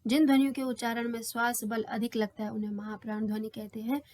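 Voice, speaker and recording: A woman's voice: fairly high pitch, flat delivery, quick pace, a little mellow. A woman teaching a grammar lesson for exam preparation, explaining patiently and sounding out letters one by one. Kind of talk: exam-prep lecture.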